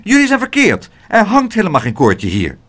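A tiny, touchy doorkeeper from a storybook, high and shrill, snapping at anyone who bothers him. He swings sharply up and down in pitch, and his voice is very lively and loud. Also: normal speed, full character voice. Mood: cross shrill. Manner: snapping and shouting. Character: tiny irritable male cave doorkeeper.

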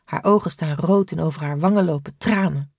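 A woman narrating a first-person audiobook in a steady, measured way. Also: low-pitched, gravelly, husky, no room sound, clean studio sound. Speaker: audiobook reader.

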